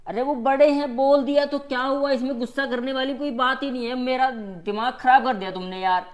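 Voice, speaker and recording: A man's voice: extremely high pitch, fairly even intonation, fairly quick. An actor playing a tired young husband back from the office, who lectures his wife and defends his elder brother. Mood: frustrated. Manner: reproachful and lecturing. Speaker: actor in a family short film. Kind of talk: Hindi short-film drama acting.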